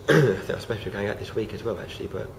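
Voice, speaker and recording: A young vlogger chats casually to the camera, hesitant and halting, with lots of fillers and restarts. He sounds unwell, so his low voice comes out gravelly and croaky, and a constant hiss runs beneath the home recording.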